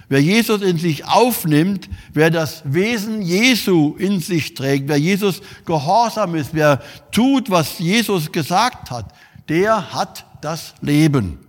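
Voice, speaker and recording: A man preaching a sermon, slow and emphatic, repeating key phrases for weight. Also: fairly high pitch. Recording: long hall reverb.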